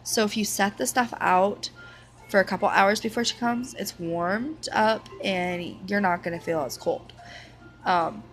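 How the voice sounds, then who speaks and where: A woman's voice: medium pitch, measured pace, a bit bright, soft background music, low-quality recording. Candid young woman talking to camera. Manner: candid, rambling, many fillers and restarts. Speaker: vlogger sharing her illness. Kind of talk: casual personal talk to camera.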